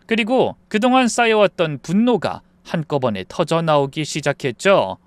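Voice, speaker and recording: A man's voice: a little high, animated, normal speed, no echo. A man narrating a dramatic first-person family story in a scripted style.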